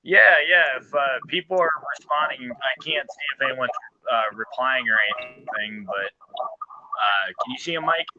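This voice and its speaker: A man's voice: medium pitch, normal speed, bright, forceful tone, dry recording. A man calling in on his phone without wifi, his voice muffled like it is underwater, talking loosely and rambling with plenty of swearing. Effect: muffled, underwater-sounding phone audio. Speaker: guest calling in. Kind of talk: casual chat. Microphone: phone held in hand, no wifi. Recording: muffled noisy phone line.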